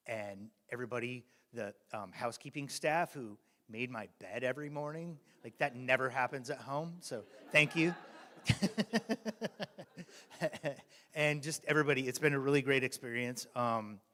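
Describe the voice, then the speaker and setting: A man giving a halting graduation speech of thanks, full of fillers and restarts. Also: mid-range voice, fairly bright tone. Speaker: guide dog graduate. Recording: long hall reverb.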